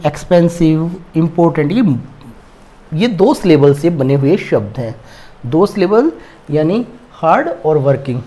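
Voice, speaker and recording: Male English teacher, very slow dictation, lively pitch, mellow tone. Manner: slow, drawn-out dictation of word forms. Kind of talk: classroom grammar lesson.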